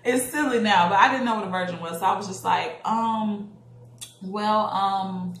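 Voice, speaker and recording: A woman's voice: mid-range voice, moderate pace, vocal fry, pauses often. A woman in her thirties, a parent, telling a personal story in a casual vlog and acting out the people in it. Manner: animated, acting out quoted voices with laughs. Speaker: parent vlogger. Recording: echoey room, faint background noise.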